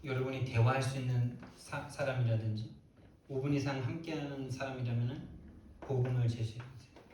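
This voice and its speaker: A male pastor preaching a sermon in a church, emphatic and quick to put rhetorical questions to the congregation. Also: mid-range voice, steady tone, darkish tone, slight background noise. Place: church sanctuary. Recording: very echoey church hall, mic far off.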